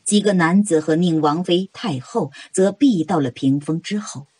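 A woman narrating a novel audiobook in an expressive, dramatic storytelling manner. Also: lowish voice, normal speed, breathy edge, dry recording.

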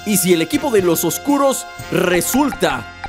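A young man narrates his own match with bursts of shouting and chatter aimed at his viewers. His voice sits high and swings widely in pitch. Loud game music plays underneath. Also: unhurried. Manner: animated, talks to himself and the viewers, shouts and laughs during fights. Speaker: gaming YouTuber. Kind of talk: excited gameplay commentary.

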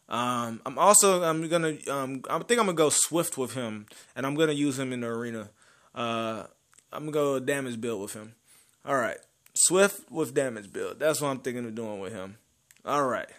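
A young man giving casual gameplay commentary, excitable, swinging from loud cheers to low grumbling. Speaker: gaming channel host.

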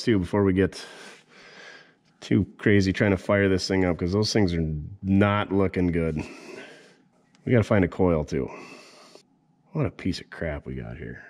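Male mechanic host, low voice, lively swings, self-mocking asides, head-cam in a garage. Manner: joking, self-mocking, muttering to himself while working. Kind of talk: casual first-person workshop narration.

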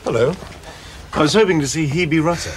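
An actor playing an earnest man who is quick to indignation. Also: fairly high pitch, a little hiss or hum, close to an everyday voice. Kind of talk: period TV drama acting.

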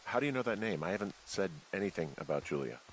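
A man's voice: sits low, sing-song, fast talker, a little hiss or hum, rough recording. A man voicing a guarded, terse fire lookout in a video game. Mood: suspicious. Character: guarded male fire lookout, low-key. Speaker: game character.

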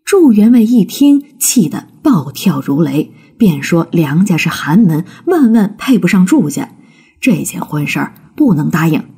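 Brief: woman narrating a folk storybook, slow and lively in pitch, mellow husky tone. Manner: slow, expressive reading.

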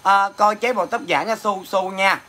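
A woman's voice: medium pitch, moderate pace, a bit bright. Brash Southern Vietnamese woman livestreaming. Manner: brash, teasing, crude joking with viewers. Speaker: livestream host selling goods. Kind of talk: casual livestream sales chat.

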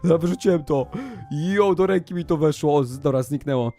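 A man giving excited, exclamatory commentary on his Minecraft role-play, talking straight to viewers. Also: a little high, brisk.

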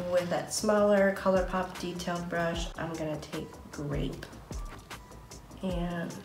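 A woman in her late twenties chatting casually through a makeup tutorial, narrating each step in a friendly way. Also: medium pitch. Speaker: makeup vlogger. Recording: echoey room, faint music behind.

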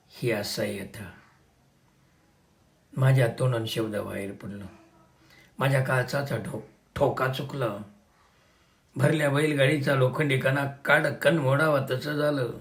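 A man reading his own novel aloud in a measured, dramatic storytelling manner. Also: mid-range voice, fairly even intonation.

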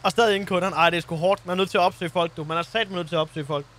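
A man with a fairly high voice chats boisterously in character as a bus driver in a game. He talks loosely and swears casually. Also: steady tone, fairly bright tone, a little hiss or hum. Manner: boisterous and chatty, with frequent laughs and mild swearing. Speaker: game streamer role-playing a bus driver. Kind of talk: casual in-character role-play chat.

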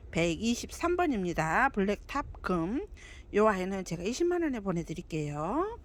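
Brief: woman, somewhat high and very lively voice, cheerful seller fussing over each plant and listing prices. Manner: chatty, doting, calls plants "아이"; counts off lot numbers and prices. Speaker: succulent seller. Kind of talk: live sales presentation.

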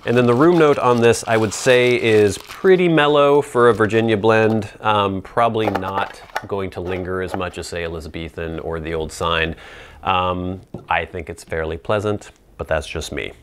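Low-voiced man giving a casual review. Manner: casual, measured explaining with playful asides. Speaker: pipe tobacco reviewer. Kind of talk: informal product review to camera. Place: small indoor set with plain backdrop. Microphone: lapel mic.

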